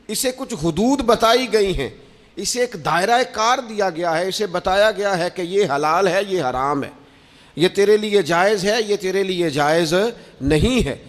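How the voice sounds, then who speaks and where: A man preaching a sermon with an emphatic, rising and falling cadence. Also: high voice. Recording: long hall reverb.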